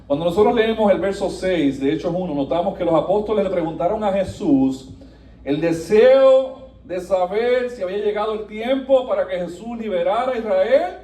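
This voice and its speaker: A man with a high, mellow voice preaches a sermon, rising to emphatic peaks and dropping to quiet passages. He sounds set back from the microphone in a reverberant church. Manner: animated preaching, wide swings from soft to emphatic. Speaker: pastor. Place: church sanctuary. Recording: echoey room, voice from a distance.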